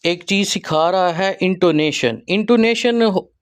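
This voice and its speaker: Pakistani-accented male trainer, high voice, unhurried explainer with many pauses. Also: smooth. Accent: Pakistani Urdu. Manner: explanatory, with frequent pauses and fillers. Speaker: teacher trainer and channel host. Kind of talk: explaining training material to teachers.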